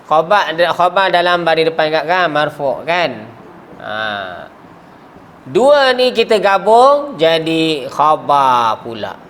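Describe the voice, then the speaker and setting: High-voiced Malaysian teacher quizzing his class. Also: sing-song, takes it slowly, fairly bright tone, a little hiss or hum. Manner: asks the class frequent questions, coughs and trails off mid-word. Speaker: Arabic grammar teacher. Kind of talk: classroom lesson.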